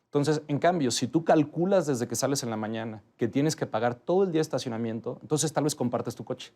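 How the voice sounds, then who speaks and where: A man, a guest in an interview, explaining transport policy in a steady, methodical way. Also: medium pitch, fairly quick. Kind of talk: interview answers.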